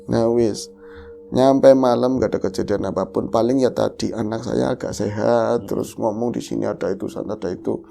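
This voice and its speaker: A woman host retelling a listener's ghost story in the first person, lively and animated, acting out the quoted voices. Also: a bass voice, moderate pace, vocal fry, soft background music. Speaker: horror story podcast host.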